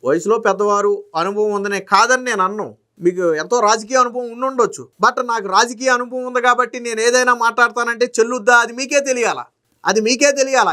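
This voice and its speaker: Combative high-voiced male political commentator. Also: bright, forceful tone. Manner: combative, fires rhetorical questions at someone not present. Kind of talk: heated opinion monologue.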